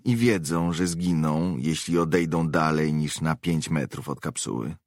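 A man voicing a tough female mercenary who reports in a brisk, matter-of-fact way, in an audiobook. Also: extremely low pitch, darkish tone, dry recording, clean studio sound. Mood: businesslike.

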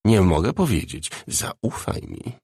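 A man's voice: on the low side, very animated, measured pace, creaky, a little mellow, slightly rough, dry recording, clean studio sound, heavily acted. A man voicing a tall, flamboyant male hairdresser who scolds fondly and speaks of himself in the third person. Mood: secretive.

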